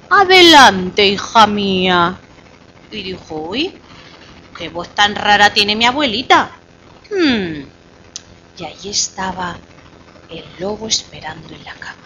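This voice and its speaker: Slow animated woman telling a fairy tale. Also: medium pitch, dull audio, slight background noise. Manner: slow and animated, coaxing the child to finish lines. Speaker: storyteller to a child.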